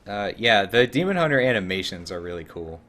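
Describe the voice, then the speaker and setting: A man's voice: fairly low pitch, very animated, fairly quick, bright, forceful tone. A man streaming a game, chatting casually about it and reading chat, rambling and self-mocking. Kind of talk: casual gameplay commentary.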